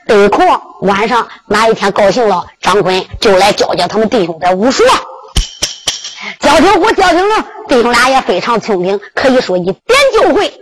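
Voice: medium pitch, low-quality recording. A storyteller with a Henan accent, chanting and narrating a Henan zhuizi tale.

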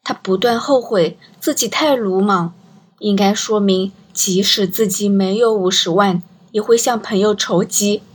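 A woman narrating an audiobook in an even storytelling manner. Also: medium pitch, a little slow, slightly rough.

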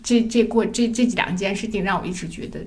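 A woman in her thirties chats casually on a podcast, telling personal stories, acting out the voices of the people she quotes, and often laughing. Her mid-range voice moves fast and has a darkish tone.

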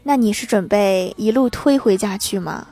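A woman host telling a string of scripted comic stories with lively, chuckling punchlines. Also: medium pitch, normal speed, slight background noise. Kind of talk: scripted comic joke storytelling.

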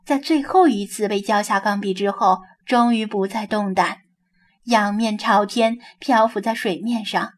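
A woman narrating a novel as an audiobook, in an even storytelling delivery. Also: medium pitch, unhurried. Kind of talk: scripted narration.

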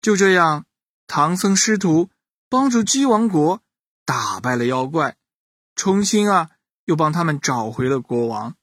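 A man narrating a children's bedtime story in an animated way, speaking straight to the children listening. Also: on the high side, measured pace, slightly rough, dry recording, clean studio sound. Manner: animated, addressing children directly.

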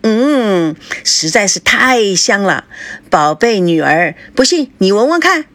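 A woman voicing a doting middle-aged father who coaxes loudly and grumbles with bluster. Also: medium pitch, sing-song, takes it slowly, no room sound. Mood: coaxing. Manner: coaxing, loud and exclaiming.

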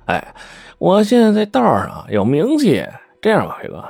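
一位男说书人扮演的点头哈腰的男小混混，音调上扬，说话巴结讨好，处处打小算盘，声音干涩贴近。. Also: male voice, on the high side, moderate pace, gravelly, dry recording, voice pushed up, heavily acted. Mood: wheedling. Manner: fawning, scheming, excitable. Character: sly wheedling male small-time hustler.

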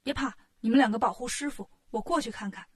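A woman voicing a bold, clever male monkey king in a children's storybook reading, talking in a brisk, commanding way. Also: on the high side, breathy edge, no echo, clean studio sound.

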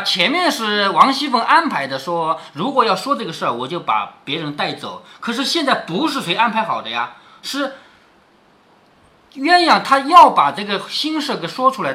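A man talking through a classic novel for his daughter, pausing to explain old words and tossing in rhetorical questions as he goes. His voice is bright and clear, and his pitch rises and falls a great deal. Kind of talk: explanatory storytelling.

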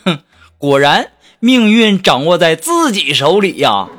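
A man's voice: high voice, very animated, a little slow. A man telling funny stories and jokes in a humorous monologue, with a playful, teasing and chatty manner. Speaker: comedic storyteller. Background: background music.

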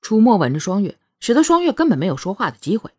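Breathy woman narrating a novel. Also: medium pitch, big pitch swings, fast talker, mellow. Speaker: audiobook narrator. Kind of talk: scripted narration.

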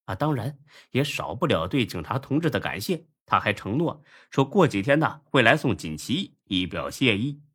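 A man narrating an urban novel as an audiobook, telling it in a lively, wry storytelling manner. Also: medium pitch, moderate pace, husky. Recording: faint background music.

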